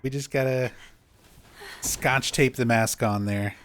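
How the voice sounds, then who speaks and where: A man's voice: mid-range voice, steady tone, slow, fairly bright tone. A man giving casual playthrough commentary as a game streamer. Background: faint game ambience.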